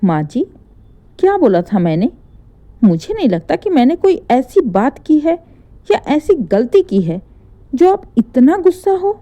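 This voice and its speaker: A woman's voice: sits high, big pitch swings, measured pace, warm tone, pitched above the performer's own voice. A woman voicing a sly young daughter-in-law who plays innocent, speaking sweetly and pleadingly. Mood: mock-innocent.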